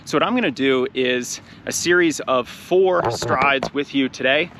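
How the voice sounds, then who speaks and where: A running coach, a little out of breath, talking nonstop to a handheld camera on a grass field outside. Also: male voice, mid-range voice, unhurried, noisy background. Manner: talks nonstop, energetic and encouraging. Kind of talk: outdoor instructional talk to camera. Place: grass field outdoors, near traffic. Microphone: handheld camera carried while running.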